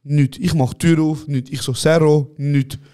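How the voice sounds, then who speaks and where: A man's voice: on the high side, normal speed. A young man with a Swiss German accent, co-hosting a casual podcast and acting out scenes while teasing his friend. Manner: lively, acts out scenes and voices, teasing. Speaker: podcast co-host. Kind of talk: casual chat.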